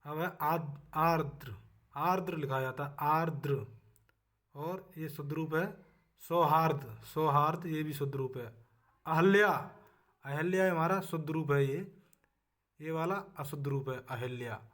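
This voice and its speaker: A man teaching a spelling lesson for exam preparation, speaking with a Hindi accent. He repeats each word to drill it and often trails off softly at the end of a line. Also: fairly high pitch, unhurried.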